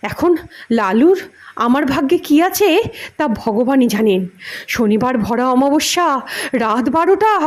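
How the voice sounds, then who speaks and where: A woman voicing an anxious, doting old mother in a told story, fussing loudly and wailing. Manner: loud, shrill, fussing, repeating words.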